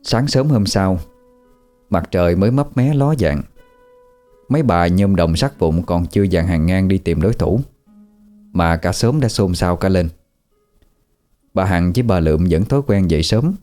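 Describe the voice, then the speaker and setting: A man narrating a horror story in a vivid, measured way. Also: low-pitched, expressive, mellow, soft background music.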